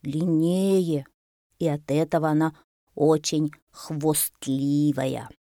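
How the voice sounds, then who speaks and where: A woman voicing a slow, touchy young boa constrictor who draws out his words. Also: low-pitched, fairly even intonation, dark tone, dry recording, clean studio sound. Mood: earnest. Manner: slow, drawn-out, a bit sulky.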